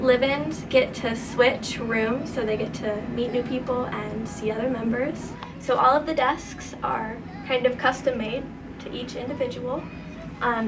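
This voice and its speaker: A woman's voice: high voice, unhurried, far from the mic, over music. A young woman showing her bedroom to camera in a chatty, casual way. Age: young adult. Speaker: student showing her room.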